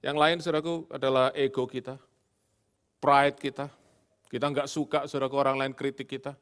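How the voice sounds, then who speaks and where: A male pastor preaching a sermon with an animated delivery, mixing in English phrases and often addressing listeners as brothers and sisters. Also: medium pitch, brisk, clear, resonant tone.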